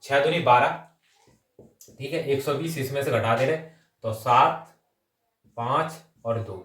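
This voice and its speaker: Taking it slowly, a man with a medium-pitched, slightly bright voice coaches an exam maths class, breaking sums down step by step. English number words and terms crop up throughout, along with regular short check-in phrases. The microphone sits far away in an echoey room.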